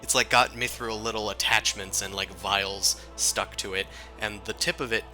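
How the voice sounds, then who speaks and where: A man runs a tabletop game with casual, halting narration. His voice is on the low side but strikingly bright and forceful, over faint background music. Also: steady tone. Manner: halting, informal. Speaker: game master.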